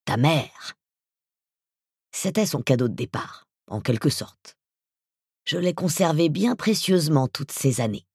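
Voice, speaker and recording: A narrator voicing a hulking middle-aged male villain, who talks in a soft, slow, threatening way with a hollow, hissing voice. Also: medium pitch, big pitch swings, slightly rough, no room sound, studio quality, exaggerated voice. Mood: quiet menace. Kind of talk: audiobook character voice.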